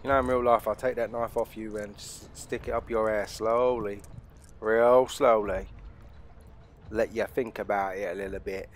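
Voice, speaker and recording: A man's voice: fairly low pitch, steady tone, moderate pace, slight background noise. A man with a British accent giving casual, slangy, sweary game commentary, addressing his viewers with joking threats. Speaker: gamer playing a horror game. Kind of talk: casual let's play commentary. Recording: faint game ambience behind voice. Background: horror game ambience.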